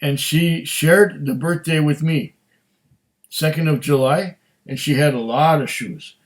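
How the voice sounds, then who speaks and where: Middle-aged guy chatting about whisky, kinda high voice, rambles and restarts a lot. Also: steady tone, unhurried. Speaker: whisky reviewer. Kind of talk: casual tasting chat.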